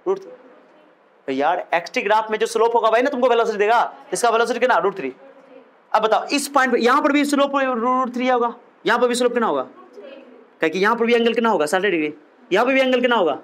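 Brief: male physics lecturer, higher-pitched voice, repeats and quizzes. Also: quick pace, a bit bright. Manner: quizzing questions, repeating phrases. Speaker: physics teacher. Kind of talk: classroom lecture.

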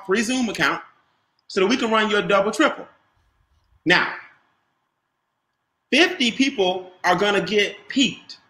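A man's voice: high-pitched, pushed and bright, roomy sound. Emphatic man coaching on a video call. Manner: emphatic, repeats key points, quizzes listeners. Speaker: business trainer.

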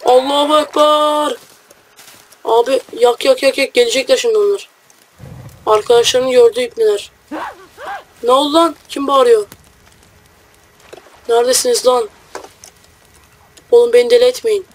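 A young man giving casual, joking let's-play commentary, brash and quick to swear at enemies while talking to his viewers. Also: extremely high pitch, steady tone. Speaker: gamer.

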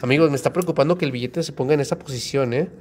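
A man's voice: medium pitch, rapid-fire, a little mellow. A man from Mexico hosting a livestream at an arcade coin machine, chatty and greeting viewers by name, with a congested nose. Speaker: livestream host. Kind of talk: live streaming chat at an arcade coin machine. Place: indoor arcade. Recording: noisy arcade with clicking machines.

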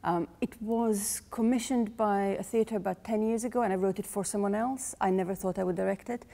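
A Croatian-accented woman in her forties, a playwright and director, discusses her work in an interview held in a large rehearsal hall with long reverb. Her medium-pitched voice is brisk, gravelly and warm with fairly even intonation, and she speaks thoughtfully, searching for words.

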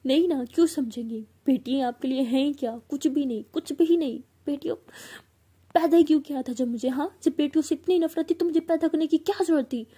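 A woman voicing a heartbroken young college woman who pleads in tears and shouts in anguish. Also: high-pitched, level tone, a little fast, gravelly, voice pushed up. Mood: furious. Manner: tearful pleading, then furious shouting at her mother.

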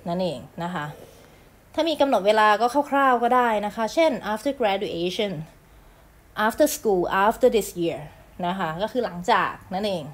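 A woman teacher from Thailand talks through a lesson in a friendly, chatty way. She slows down to read example phrases one word at a time and fills the gaps with polite endings and casual asides. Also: mid-range voice. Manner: explains in Thai, reads English phrases slowly and clearly. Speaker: English teacher. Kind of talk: recorded lesson explanation.

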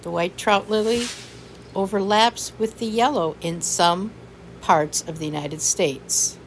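A woman reading a scripted voice-over in a measured, instructive way. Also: mid-range voice, slight background noise, rough recording. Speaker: narrator.

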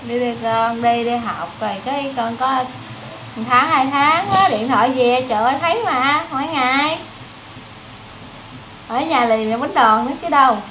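A woman, the boy's mother, urging him emotionally to go work, gently scolding him not to cry. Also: sits high, normal speed, a little hiss or hum. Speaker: mother of the boy. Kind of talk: casual chat.

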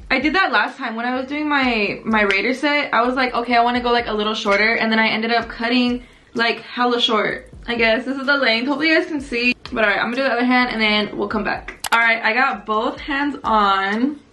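A woman's voice: a little high, a little fast, sharp tone. A woman in her twenties vlogging casually while getting ready, chatty and slangy with lots of fillers, in a small bedroom on a camera mic. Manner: chatty, filler-heavy, slangy, laughs easily. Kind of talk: casual get-ready-with-me vlog. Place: small pink bedroom indoors.

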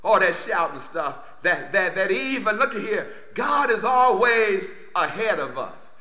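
A middle-aged Baptist pastor preaches a fervent Easter sermon from the pulpit, emphatic and exclamatory, repeating phrases. His high voice is sing-song, unhurried and sharp, picked up by a boom-stand microphone in a roomy, echoing sanctuary with a little hiss or hum.

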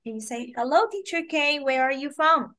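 A Filipino woman in her twenties teaches English to a child over a video call, modelling phrases slowly in a sing-song way. Her voice is high, bright and forceful.

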